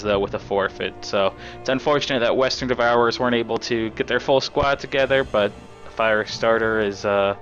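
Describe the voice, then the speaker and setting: A man with a raspy voice giving casual, chatty live commentary on a game as an esports caster. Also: mid-range voice, a bit bright, muffled recording. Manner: casual, chatty play-by-play with fillers.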